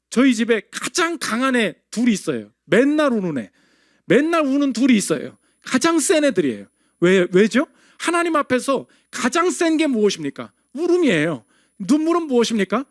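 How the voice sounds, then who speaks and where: A man preaching in a church, his voice high and swinging widely up and down. He fires off rhetorical questions and answers each one at once. The sound is close and dry, with almost no room echo. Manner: emphatic rhetorical questions, answers them himself. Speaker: pastor. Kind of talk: sermon. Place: church sanctuary.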